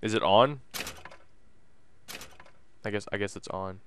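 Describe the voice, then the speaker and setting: A man's voice: lowish voice, slow, background noise. A young man casually commenting on a video game, reading menus aloud and cracking jokes. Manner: goofy, jokey, mutters menus aloud, bursts into silly voices. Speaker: gameplay commentator.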